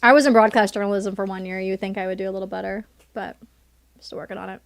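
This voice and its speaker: A young woman co-hosting a college sports show, talking in an animated, opinionated way and laughing often. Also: mid-range voice, very fast, vocal fry, no room sound. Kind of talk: casual sports chat.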